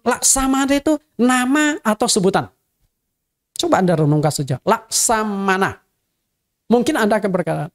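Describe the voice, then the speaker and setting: A middle-aged man delivering an online sermon as a senior pastor. His pitch rises and falls in lively swings as he teaches, and he keeps checking that his listeners follow him. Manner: animated, rhetorical, checks in with the listener.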